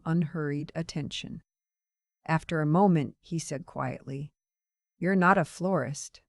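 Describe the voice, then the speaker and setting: Older lady in her 60s, calm reflective storytelling, dry close sound. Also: low voice, no room sound. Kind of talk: scripted first-person narration.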